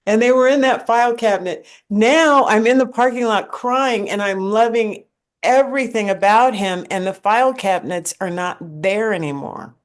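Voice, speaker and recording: A woman's voice: medium pitch, moderate pace. A woman in her forties, the host, telling a personal story in an earnest, reflective way. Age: 40s.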